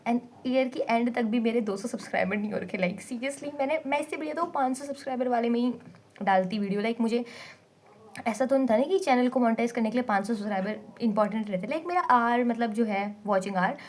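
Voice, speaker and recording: A woman's voice: a little high, brisk, a little mellow. Giggly chatty young woman, home vlog. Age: young adult. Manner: giggly, chatty, mixes English words. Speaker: vlogger, exam dropper. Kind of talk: casual chat to camera. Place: home room.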